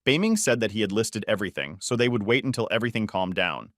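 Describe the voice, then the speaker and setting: Male narrator for story recaps; low-ish, dry, even delivery. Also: fast talker, dry recording.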